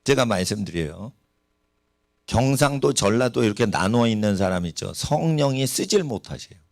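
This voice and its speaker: A man's voice: mid-range voice, expressive, moderate pace, creaky, a little mellow, no room sound, studio quality. A man preaching a sermon in a church, asking the congregation rhetorical questions. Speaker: pastor. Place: church sanctuary.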